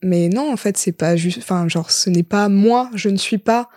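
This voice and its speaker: A young woman, a musician guest on a podcast, talking in a relaxed, reflective way with many fillers and restarts. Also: medium pitch, moderate pace, no room sound, studio quality. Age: young adult. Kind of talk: casual chat.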